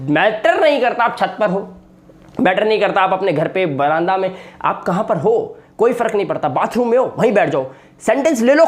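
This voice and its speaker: A man teaching English grammar in a lively video lesson, repeating example sentences slowly. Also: very high voice.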